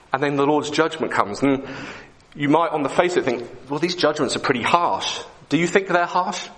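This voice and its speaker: A man's voice: mid-range voice, a bit bright. A man preaching an evening sermon in a conversational way, often asking the congregation questions.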